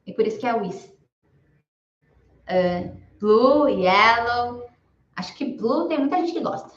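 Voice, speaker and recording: A woman's voice: sits high, expressive, a little mellow, reverberant, highs cut off. A young adult woman teaching English to beginners in a live online class, speaking patiently and repeating each word so students can follow. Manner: slow, patient drilling with repetition.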